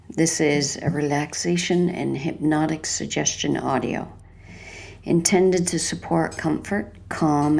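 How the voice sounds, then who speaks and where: A woman with a low, creaky voice narrates a sleep hypnosis session, soothing, hushed and gentle. She lets her phrases linger, as in guided relaxation.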